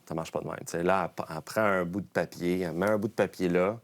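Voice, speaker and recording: Low-voiced Quebec man telling a story. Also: quick pace. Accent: Quebec French. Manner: lively storyteller, frequent restarts and self-corrections. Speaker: guest, professional golfer. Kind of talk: casual podcast anecdote.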